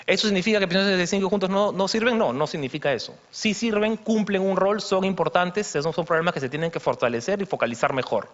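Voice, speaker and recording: A man giving an explanatory conference presentation on slides, using frequent fillers and tag questions. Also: high-pitched. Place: congress conference hall. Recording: reverberant hall, dull broadcast audio.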